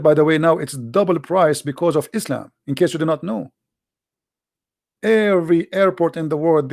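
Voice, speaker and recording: A native Arabic speaker with an Arabic accent and a fairly high, darkish voice hosts an impassioned, informal monologue as a religious polemicist. He talks bluntly and emphatically, using repeated phrases and rhetorical questions, and the studio-quality recording has no room sound.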